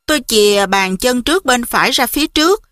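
A woman narrating an audiobook story in a lively, expressive first-person style. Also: on the high side, brisk, no room sound, clean studio sound.

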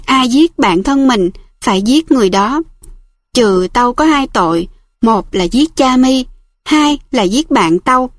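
A woman's voice: a little high, lively intonation, slow pace, dry recording, studio quality. A woman reading aloud as a grieving older village man who speaks bluntly and commandingly, in an audiobook style. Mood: stern.

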